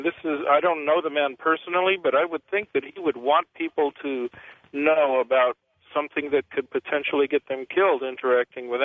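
A man phoning in to a radio show, his voice squeezed through a thin, phone-like line. He makes his point earnestly, backing up to restart sentences as he goes. The sound is close and dry, with a middling pitch. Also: dry recording. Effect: calling in over a phone line. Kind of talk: casual call-in chat.

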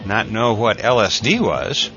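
A man's voice: on the low side, sing-song, measured pace, sharp tone. An older American man hosting, giving informal explanatory narration in a reflective, conversational way. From United States. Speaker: podcast host introducing an archival talk. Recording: dull lo-fi recording, faint music.

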